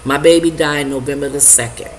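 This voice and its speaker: Older woman, low voice, emotional personal testimony, halting, repeats herself. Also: steady tone, a little hiss or hum, low-quality recording. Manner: halting, repeats herself, acts out her own reactions. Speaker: vlogger sharing a personal testimony.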